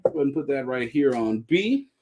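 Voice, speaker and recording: A man hosting a live comic book sale, running through items with upbeat, joking pitchman patter. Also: very animated, a little fast, darkish tone. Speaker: host selling comics on a live stream. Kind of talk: live sales chat.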